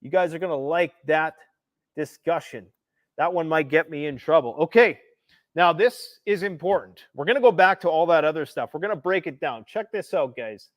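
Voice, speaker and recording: A man's voice: on the high side, fairly quick, dry recording. A Canadian man hosting a political livestream, ranting emphatically and sarcastically about world events. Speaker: livestream host.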